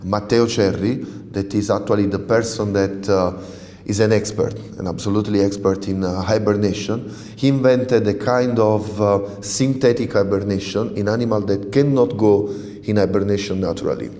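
In a large hall with a roomy sound, a southern Italian radiobiologist guest talks through an interview in English rather than his native Italian. His lowish voice is warm and steady at a moderate pace, while he stumbles for words with many fillers and restarts.

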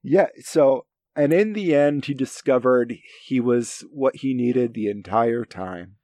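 A man co-hosting a casual film discussion from his home, speaking in hesitant, halting phrases with a creaky voice. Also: mid-range voice, warm tone, no room sound, clean studio sound. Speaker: podcast co-host. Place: home basement. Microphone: recorded at his end of an internet call.

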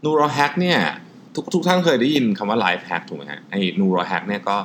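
A man's voice: fairly low pitch, very animated, moderate pace, fairly bright tone, a little hiss or hum. A man hosting a talk show, explaining research in a chatty, polite way and repeating key points. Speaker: podcast host.

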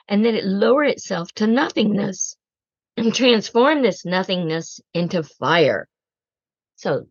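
A woman gives a slow, reflective spiritual talk as a Secular Carmelite speaker, deliberately quoting prayers and reflecting on them. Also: lowish voice, no echo, muffled recording.

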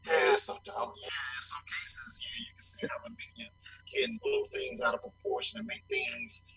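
A man taking part in a casual live online discussion whose voice breaks up over a cutting-out call connection. He talks in a halting, hesitant way with many ums. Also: very high voice, wildly swooping pitch, pushed and bright, whispered, soft background music, poor audio. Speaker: panelist on a live online talk show. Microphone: remote call microphone.

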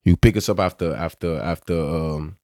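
A low-pitched, slightly mellow voice at a moderate pace belongs to a young West African-accented pro soccer player appearing as a podcast guest. He talks in a casual, slangy way, repeatedly saying "bro" and "you know what I'm saying," in a dry, clean studio recording.

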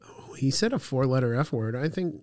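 A man's voice: medium pitch, big pitch swings, fairly quick, a little mellow. A man co-hosting a podcast with casual, wry, playful banter and short interjections. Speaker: podcast co-host.

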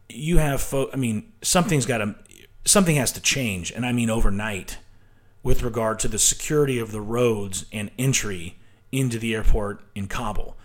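Emphatic low-voiced male political commentator. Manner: emphatic, combative, repeats "right?". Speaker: commentary show host.

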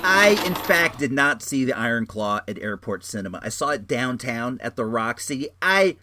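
A man's voice: mid-range voice, moderate pace, pushed and bright, a little hiss or hum. A middle-aged man hosting a show with casual, rambling reviews, enthusiastic and slangy, often repeating his phrases. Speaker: show host.

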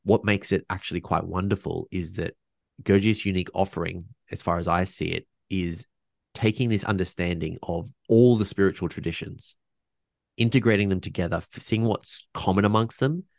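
Deep gravelly man, earnest podcast guest. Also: fairly even intonation, brisk, no room sound, studio quality. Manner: reflective, earnest, with frequent restarts and ums; casual swearing and slang. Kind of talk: casual conversational interview.

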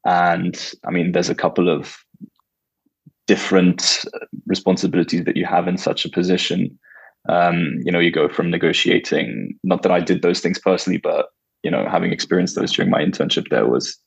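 This legal counsel, a young man born in Italy who grew up in Germany, talks at a normal pace in a low-pitched voice with vocal fry and a breathy edge. The recording is dry. He's a guest answering interview questions in a relaxed way, leaning heavily on fillers.

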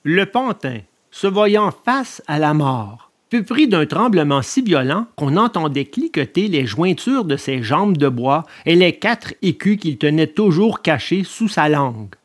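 A storyteller reading a children's tale aloud with expressive, deliberate delivery. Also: mid-range voice. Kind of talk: storybook narration.

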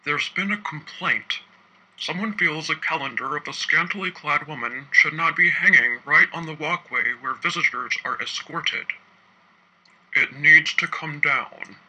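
Uneasy office boss, played by a man, slow and deliberate, tense husky tone. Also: fairly high pitch, bright, forceful tone, heavily acted, poor audio. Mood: uncomfortable. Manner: slow, uncomfortable, deliberate delivery. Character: awkward middle-aged male office boss.

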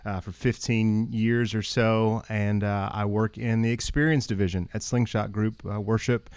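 A man with a Texan twang talks in a friendly, upbeat way as a new podcast co-host. His voice sits low and sounds smooth and clean. The recording is dry and close. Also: little pitch movement, moderate pace, darkish tone, no room sound. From Texas. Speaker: worship pastor and podcast co-host. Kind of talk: casual podcast chat.

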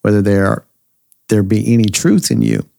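Stern ruler figure voiced by a male reader, low gravelly tone, dry close sound. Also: wildly swooping pitch, moderate pace, warm tone, no room sound, full character voice. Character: stern Egyptian governor Joseph, grown man.

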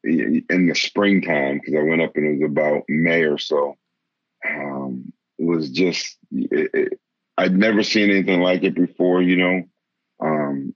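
A man from the area, telling a story in casual conversation, halting with many restarts and laughing now and then. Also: a bass voice, no echo. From Boston area, Massachusetts. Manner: laughs while telling stories. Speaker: interviewee. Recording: dull lo-fi sound.

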